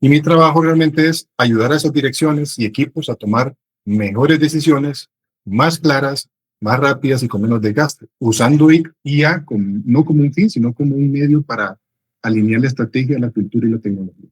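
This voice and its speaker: A middle-aged business consultant from Honduras answers interview questions at a measured pace. His voice has a slightly husky, breathy edge. He often pauses, restarts and gathers his thoughts mid-sentence. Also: mid-range voice, poor audio.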